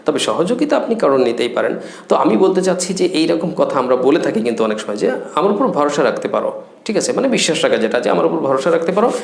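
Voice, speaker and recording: A man teaching spoken English phrases in Bengali, saying each English phrase slowly and repeating it with care. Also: on the high side, big pitch swings, gravelly, echoey room.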